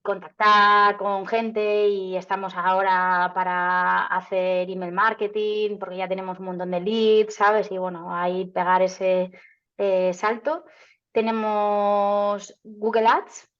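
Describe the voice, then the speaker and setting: A woman's voice: medium pitch, little pitch movement, slow pace, fairly bright tone, clear, resonant tone. A woman, a marketing agency founder from Canada, answering interview questions in a chatty way with many fillers and restarts. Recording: slightly dull lo-fi sound.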